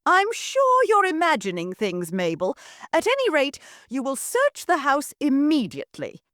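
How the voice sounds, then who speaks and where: A woman's voice: high-pitched, wildly swooping pitch, measured pace, fairly bright tone, no echo, studio quality, voice pushed up, heavily acted. A woman voicing a haughty, bossy social-climbing lady of the house who snaps out orders. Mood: haughty, snappish. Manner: snappish, bossy, prim.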